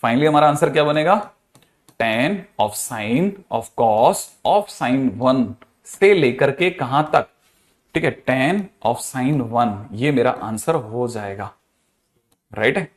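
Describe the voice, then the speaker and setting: A man's voice: medium pitch, slow. A man teaching maths in a live online class, working a problem step by step in Hindi mixed with English terms, calling students by name and often asking if they follow. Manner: calls out student names, quizzes often, reads steps aloud.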